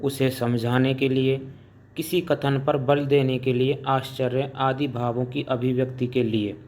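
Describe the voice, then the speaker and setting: A man teaching Hindi grammar in a slow classroom lecture. He pauses between items and reads each example out slowly before he explains it. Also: medium pitch, darkish tone. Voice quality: deliberate, pausing between listed items. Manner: dictating examples slowly, then explaining them.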